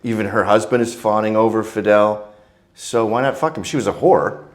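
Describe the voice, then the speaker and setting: A middle-aged Canadian man, appearing as an interview guest, tells stories in a crude, joking, provocative way. His voice is fairly low and his pace moderate.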